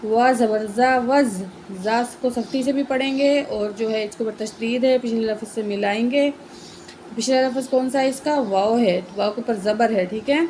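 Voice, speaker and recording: A woman with a fairly high voice leads a Quran reading lesson, sounding out letters one by one and drawing whole words out very slowly. Her delivery is patient and methodical, with a faint hiss of noise behind her. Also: fairly even intonation, a little mellow, low-quality recording. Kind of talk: Quran reading lesson, slow spelling drills.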